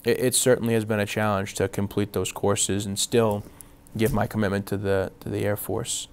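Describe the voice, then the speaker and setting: Serviceman and student, lowish voice, very clear and smooth, delivery flat and measured. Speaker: Air Force member and student veteran. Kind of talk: interview testimonial.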